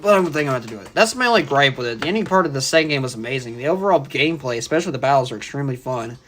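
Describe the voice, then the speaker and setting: A man's voice: mid-range voice, lively intonation, racing, a bit bright, faint music behind. A young man chatting casually and opinionatedly while livestreaming a video game. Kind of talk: live gameplay commentary.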